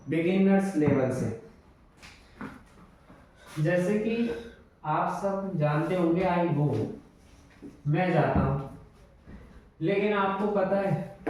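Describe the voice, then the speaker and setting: A man teaching English grammar in a slow, explanatory way, repeating his examples. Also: high-pitched, darkish tone. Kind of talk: classroom lesson in Hindi. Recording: very echoey room, voice from far off.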